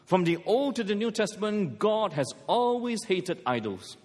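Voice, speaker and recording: A middle-aged Malaysian pastor with a high, very animated, slightly mellow voice preaches at a normal speed. His sermon blends scripture with funny personal stories told with self-deprecating humor, heard through long hall reverb.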